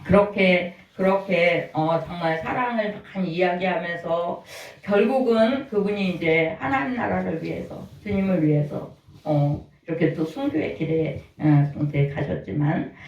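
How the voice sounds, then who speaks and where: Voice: medium pitch, a little slow, distant mic, lo-fi sound. A pastor in their sixties preaches in a folksy, chatty way, throwing questions out to the congregation. The voice sits in the middle of the range and sounds set back from the microphone. A roomy church echo hangs around every phrase. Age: 60s. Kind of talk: conversational sermon. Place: church sanctuary.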